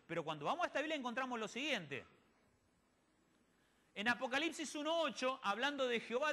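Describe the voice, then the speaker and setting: A man's voice: very high-pitched, sharp tone. A man giving a sermon-style Bible teaching in a church, asking rhetorical questions and quoting conversations. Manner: asks the audience rhetorical questions and answers them; quotes others in conversation. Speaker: church speaker.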